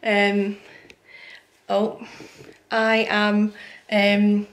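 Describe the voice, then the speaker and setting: A woman's voice: medium pitch, monotone, very slow, slight background noise. A young woman from the UK chatting casually at home, giggling often as she hosts a family quiz. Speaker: vlogger and quiz hostess. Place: home during lockdown.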